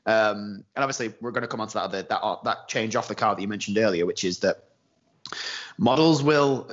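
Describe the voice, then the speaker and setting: Fast-talking low-voiced man. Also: lo-fi sound. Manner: fast, explanatory, with many fillers. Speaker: game developer. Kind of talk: casual podcast chat.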